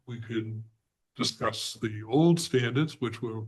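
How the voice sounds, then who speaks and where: A man presenting a plan at a zoning hearing, hoarse and halting, with many fillers and frequent throat clearing. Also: mid-range voice, low-quality recording. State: hoarse, losing his voice. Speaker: applicant's representative. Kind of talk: presenting at a remote board hearing.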